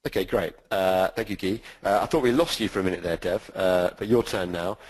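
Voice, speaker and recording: A man's voice: low-pitched, a little fast, husky, no echo, low-quality recording. A man with a British accent moderating a webinar panel, talking with many hesitations and fillers.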